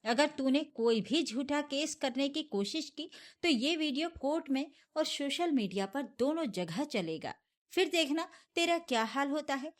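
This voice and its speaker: Woman doing a furious young son, roaring and tearful, high lively voice, storybook drama. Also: a little slow. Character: angry grieving young man, protective son.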